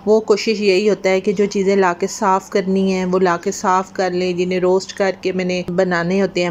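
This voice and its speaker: A middle-aged woman from Pakistan chats through her vlog in an earnest, friendly way and slips into gentle advice now and then. Her voice sits at an ordinary pitch for a woman. A faint hiss of noise runs under the recording. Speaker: vlogger. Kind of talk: casual vlog voice-over.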